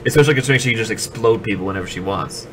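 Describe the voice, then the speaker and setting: A man's voice: fairly low pitch, very fast, background noise. A man commentating a video game in casual banter, sarcastic and crude, swearing often. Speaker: gameplay commentator. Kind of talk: casual let's play banter.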